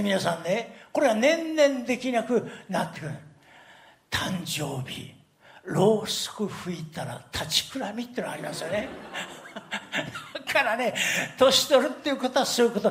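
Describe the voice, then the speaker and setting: An older male pastor delivers a sermon through lively storytelling, his voice swinging widely in pitch. He laughs often while he talks and keeps the congregation engaged.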